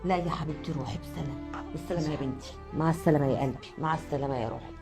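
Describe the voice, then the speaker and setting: A woman's voice: low-pitched, over music. A woman with an Egyptian accent plays a moralizing middle-aged mother who scolds her daughter in a comedy sketch. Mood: preachy. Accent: Egyptian Arabic. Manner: fast, scolding, preachy. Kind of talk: web comedy sketch acting.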